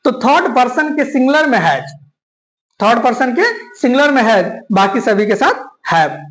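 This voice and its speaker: Lively woman teaching grammar. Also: fairly high pitch, unhurried, reverberant, low-quality recording. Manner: repeats key points, checks in with listeners. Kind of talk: classroom grammar lesson.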